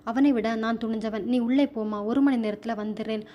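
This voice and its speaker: A woman's voice: a little high, steady tone, normal speed, dull audio, lightly acted. A woman voicing an angry, protective middle-aged father in a storybook reading, fierce and confrontational.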